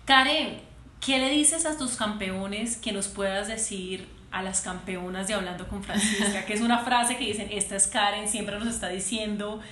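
A woman's voice: mid-range voice, fairly even intonation, normal speed, a bit bright, slight background noise. A woman hosting a talk show interview, encouraging and upbeat with her guest and audience. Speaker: host. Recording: echoey room, faint music behind.

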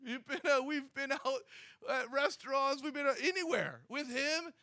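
A male preacher delivers an exhorting sermon, driving his points home through repetition. His voice sits unusually high and rings bright and forceful. The sound is dry and close, with no room echo. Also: moderate pace. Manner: energetic and exhorting, with repeated phrases.

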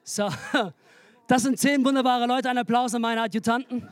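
A man's voice: very high-pitched, steady tone, normal speed, clean tone, no room sound. A man pastor giving a humorous, chatty sermon from a church stage, speaking into a handheld mic. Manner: humorous, chatty, laughs at own jokes.

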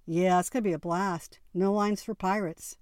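A woman's voice: lowish voice, steady tone, normal speed, a little mellow, dry recording, studio quality, natural voice. A woman voicing a cheerful, easygoing teenage boy who speaks in an upbeat, breezy way.

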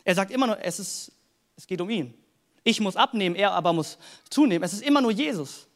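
A man's voice: sits high, expressive, fairly quick. A man preaching a sermon in an earnest, conversational way, reading Bible passages aloud. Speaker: pastor.

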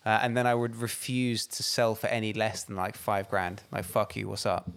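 A man's voice: fairly low pitch, flat delivery, normal speed, creaky, fairly bright tone, smooth. A man, slangy and sweary, in casual banter with friends.

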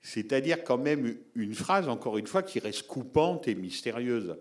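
A man speaking at a public talk, laying out his points with emphasis. He builds his argument step by step and turns to the audience with direct questions, in a voice of ordinary middle pitch. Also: lively intonation, measured pace. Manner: explanatory, emphatic, addresses listeners directly. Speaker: film lecturer answering audience questions.

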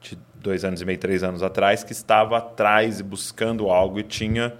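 A man with a lowish voice hosts a podcast, relaxed and casual. He asks questions with short, easygoing affirmations. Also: moderate pace. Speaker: podcast host. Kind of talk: casual interview.

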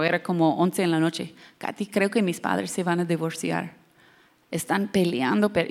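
Slow, expressive young woman preaching. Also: medium pitch. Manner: switches between Spanish and English, laughs at own jokes; expressive, shouts and drops to hushed tones for emphasis. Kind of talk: bilingual sermon.

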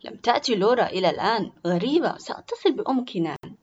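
A woman's voice: medium pitch, big pitch swings, fast talker, husky. Woman voicing a stern, urgent mother. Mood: worried. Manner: urgent and scolding. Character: worried, stern mother of three girls. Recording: dull lo-fi recording.

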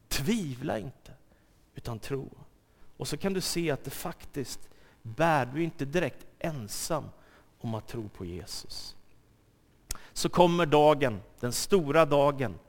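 A man preaching a sermon, telling the story dramatically and swinging from loud quoted lines to soft asides. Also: a little high. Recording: long hall reverb.

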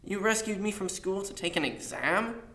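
A man's voice: high-pitched, big pitch swings, normal speed, sharp tone, reverberant, pitched above the performer's own voice, heavily acted. A man voicing a confused kidnapped schoolboy who keeps asking anxious questions. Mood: bewildered.

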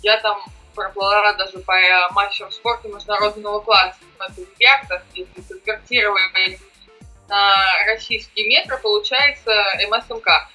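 A woman's voice: mid-range voice, steady tone, normal speed, bright, forceful tone, soft background music, rough recording. A young woman answering interview questions casually, with a slushy, sh-like s from braces. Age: young adult. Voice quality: slushy lisp from new braces, sh-like s. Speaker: podcast guest, amateur triathlete and former swimmer.

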